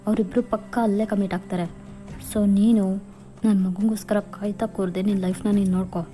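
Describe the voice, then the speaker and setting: A woman's voice: mid-range voice, little pitch movement, moderate pace, warm tone, faint music behind, close to an everyday voice. A woman voicing a ruthless, domineering rich father who coldly threatens a young woman in a fan fiction voiceover. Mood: menacing.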